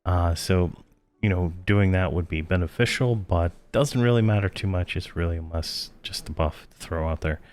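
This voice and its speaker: A man's voice: deep voice, normal speed, a little mellow. A man giving casual gameplay commentary, thinking aloud with many fillers, tired and yawning. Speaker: game guide creator.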